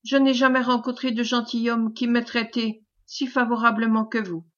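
A woman reading the lines of a servile, scheming man who flatters in a caressing, obsequious tone, in a storybook reading. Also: on the high side, normal speed, highs cut off, lightly acted. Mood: fawning. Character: fawning, sly male schemer, servile and unctuous.

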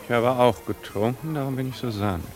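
An actor playing a dry, sardonic aristocratic duke with laconic, deadpan irony, in an old radio drama. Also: male voice, mid-range voice, brisk, close to an everyday voice.

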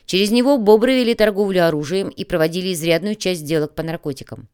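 A woman reading a crime audiobook as narrator, in a measured, even manner. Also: lowish voice, smooth. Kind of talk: scripted narration.

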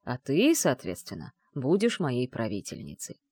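A woman voicing a calm, loving young male dragon lord who speaks gently and reassuringly. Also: extremely low pitch, moderate pace, breathy edge, no room sound, studio quality, voice pushed down, heavily acted.

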